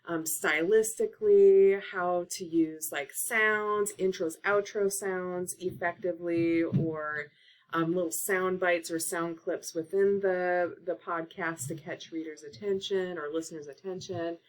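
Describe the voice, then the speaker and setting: A teacher-librarian from Oregon gives a casual screen-share tutorial, talking through steps on her laptop with lots of fillers, recorded on the laptop microphone. Her voice is on the low side, with fairly even intonation and an unhurried pace.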